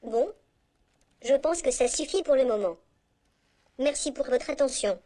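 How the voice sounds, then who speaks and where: A small, polite humanoid robot speaking in a synthetic woman's voice with a high, chirpy tone. It rattles through a scripted self-introduction in an even, mechanical manner. The sound is clearly a machine voice coming from the robot's own speaker on a conference stage. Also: measured pace. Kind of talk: scripted text-to-speech demo.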